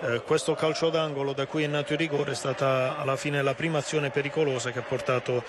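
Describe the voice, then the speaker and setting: Even-toned male football pundit, noisy stadium. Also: mid-range voice, fast. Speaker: co-commentator and match analyst. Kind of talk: live football analysis. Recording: live broadcast over loud stadium noise.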